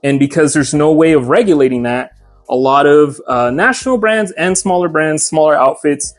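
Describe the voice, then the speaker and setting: Young man, slightly higher voice, relaxed craftsman explaining things, faint music bed. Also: moderate pace. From Mexico. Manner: relaxed, many "uh" fillers, explains his craft step by step. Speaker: hat maker and shop owner. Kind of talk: casual interview.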